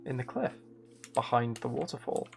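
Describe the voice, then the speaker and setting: A man chats casually on a gameplay livestream in a medium-pitched voice with lively intonation and a moderate pace. He thinks aloud and rambles keenly through ideas, with clear keyboard clicking in the background.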